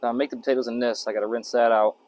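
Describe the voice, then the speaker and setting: A man with a medium-pitched, slightly mellow voice talks at a racing clip but with flat delivery, and the recording is rough. He's a camping vlogger at an outdoor campsite, rambling casually to the camera and his dog while he cooks and cracking jokes to himself.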